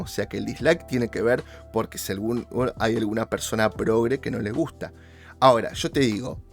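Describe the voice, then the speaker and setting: A man with a Rioplatense Spanish accent hosts his own channel and talks straight to the camera in a loose, persuasive monologue. His voice sits at an ordinary middle pitch and leaps upward when he stresses a point. Faint music plays under him. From Argentina. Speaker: YouTuber host. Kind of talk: casual monologue to viewers.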